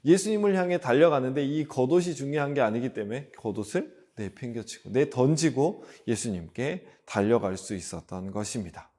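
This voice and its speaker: A man preaching a children's sermon, telling the story in an animated way and asking the kids questions. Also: mid-range voice, brisk, hardly any pauses.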